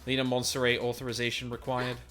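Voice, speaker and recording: A man's voice: medium pitch, monotone, fast talker, fairly bright tone, soft background music, close to an everyday voice. A man voicing a malfunctioning computer system, reading clipped announcements and repeating errors while he plays a game. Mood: glitching robotic. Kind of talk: gameplay commentary, reading in-game text.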